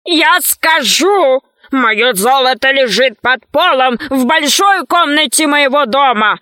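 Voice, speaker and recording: A woman's voice: high voice, expressive, takes it slowly, bright, forceful tone, no room sound, clean studio sound, heavily acted. A woman voicing a frightened male pygmy traitor who pleads and wails for mercy in a storybook reading. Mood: eager. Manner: pleading, wailing.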